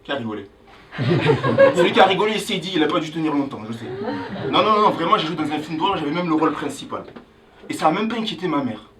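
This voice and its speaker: Animated young man doing stand-up from Angola. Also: on the high side, quick pace, distant mic, rough recording. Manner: animated, hyping the crowd with loud calls. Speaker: stand-up comedian. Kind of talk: stand-up comedy set. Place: comedy club stage before a live audience.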